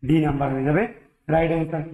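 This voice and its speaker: A man's voice: a little high, flat delivery, very fast, reverberant, phone-quality sound. A man teaching an exam-prep maths lesson, talking through each sum step by step, with a Bengali accent and English numbers mixed in.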